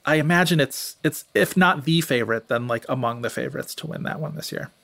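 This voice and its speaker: A man's voice: on the high side, brisk, gravelly, fairly bright tone, no room sound. A man talking casually and analytically as a podcast panelist, discursive and often interrupting himself. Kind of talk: casual analytical film-awards chat.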